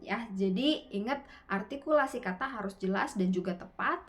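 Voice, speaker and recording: A woman teaching public speaking in an online webinar, with lively rising and falling intonation and casual fillers. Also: mid-range voice, moderate pace. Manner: gestures constantly with her hands; casual Indonesian fillers like "gitu ya".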